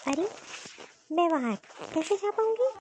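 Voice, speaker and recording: Woman as a selfish young cartoon wife, stubborn, insistent, high voice, mellow tone. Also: animated, measured pace, slight background noise. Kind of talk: Hindi cartoon voice acting.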